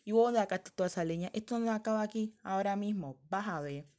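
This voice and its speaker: A woman's voice: mid-range voice, quick pace, darkish tone, pitched above the performer's own voice, natural voice. A woman voicing a cruel, scheming old woman who scolds and threatens, reading a folktale aloud. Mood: threatening.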